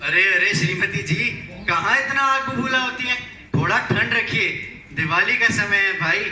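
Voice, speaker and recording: A man's voice: sits high, normal speed, sharp tone. A man playing a bossy stingy shopkeeper. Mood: coaxing. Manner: scolding and blustering. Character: bossy, stingy middle-aged male shopkeeper. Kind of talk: stage play acting. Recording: echoey stage hall recording.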